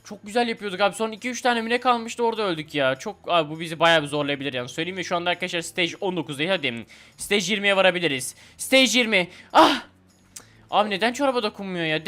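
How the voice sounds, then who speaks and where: A young man commentating a platform game for viewers, excitable and chatty, often talking to the game itself. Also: sits high. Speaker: gaming video host. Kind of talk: excited let's-play commentary.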